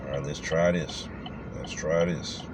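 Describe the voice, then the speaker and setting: Very deep-voiced man, casual and emphatic. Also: fairly even intonation, measured pace. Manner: colloquial, emphatic, repeats himself. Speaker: delivery driver and vlogger. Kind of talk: casual vlog talk. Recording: clear background noise, vehicle-like hum.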